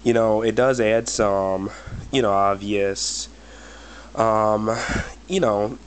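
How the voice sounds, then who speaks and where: Slight background noise surrounds a man with a lowish, slightly cracky voice who is badly sick with a cold. Reviewing a product casually, he rambles and keeps dropping fillers like "but anyway" and "or whatever."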